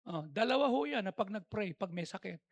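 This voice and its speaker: A pastor from the Philippines preaching a lively, joking sermon, mixing in English and acting out stories. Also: male voice, sits high, fairly quick, muffled recording. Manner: animated, mixes in English, acts out stories and jokes. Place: church service.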